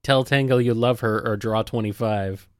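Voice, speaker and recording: A man's voice: on the low side, steady tone, moderate pace, clean tone, no echo, studio quality. A laid-back man in casual podcast chat who laughs often as a co-host.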